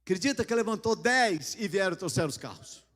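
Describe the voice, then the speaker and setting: A middle-aged Brazilian pastor with a fairly high voice tells a story from the pulpit. He acts out conversations with God and drops in joking asides. The sound rings out with the long reverb of a big church hall. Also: expressive, fairly quick, a bit bright. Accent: Brazilian Portuguese. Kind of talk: storytelling sermon.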